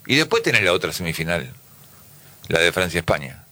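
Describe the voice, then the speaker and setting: A man's voice: low voice, big pitch swings, a little fast, bright, forceful tone, no room sound. A man with a Rioplatense Spanish accent hosting a casual football chat, asking questions and often repeating his words. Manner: asks questions, repeats words, fills with "este". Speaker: host. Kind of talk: casual sports panel chat.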